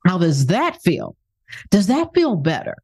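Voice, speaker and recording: A woman's voice: fairly low pitch, very animated, a little slow, a little mellow, slightly rough. A woman giving a motivational talk as a self-help speaker, speaking emphatically and asking the listener rhetorical questions. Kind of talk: motivational monologue.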